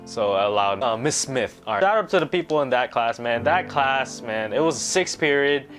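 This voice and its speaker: Young guy vlogging about school, rambly, keeps saying right?, medium voice, soft music behind. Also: medium pitch, lively intonation, moderate pace. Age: young adult. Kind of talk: casual vlog Q&A storytelling.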